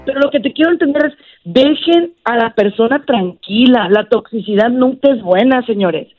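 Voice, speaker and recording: A woman's voice: on the high side, expressive, moderate pace, narrow, tinny audio, soft background music. A Mexican woman, a psychologist guest on a radio show, giving firm, preachy relationship advice in casual talk. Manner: firm, preachy advice addressing listeners as "señores".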